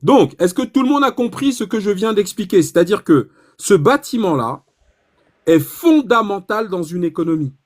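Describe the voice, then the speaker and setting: A man giving an informal economics lesson, animated and provocative, asking himself rhetorical questions. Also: high-pitched, moderate pace. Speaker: economics explainer.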